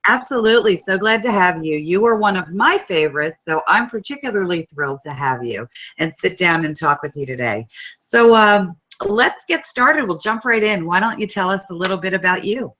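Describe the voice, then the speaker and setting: A woman's voice: lowish voice, lively intonation, moderate pace, hardly any pauses, a bit bright, rough recording. A woman hosting an interview, gushing and enthusiastic with her guest. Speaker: interview host.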